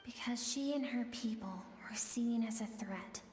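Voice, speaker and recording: A woman voicing a solemn, measured storyteller recounting a tragic past in a fantasy video game. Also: fairly high pitch, a little mellow, a little hiss or hum, close to an everyday voice. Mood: grave, explanatory. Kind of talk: scripted dramatic narration, video game voice acting. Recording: echoey long reverb, music behind. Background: game music.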